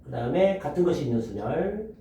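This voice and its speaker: A man teaching math to students, lively and constantly quizzing them with questions. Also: fairly high pitch, fairly quick, vocal fry, a little hiss or hum. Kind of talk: classroom lecture. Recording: echoey room, voice from a distance.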